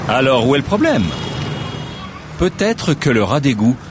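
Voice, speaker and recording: A man's voice: medium pitch, big pitch swings, a little slow, noisy background. A man from narrating a nature documentary in a scripted, storytelling way.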